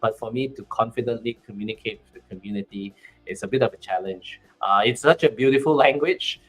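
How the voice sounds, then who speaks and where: A country manager with a Malaysian accent speaks as a panel guest in casual talk, often restarting and repeating words. His medium-pitched voice is a little fast, with faint music behind and poor audio.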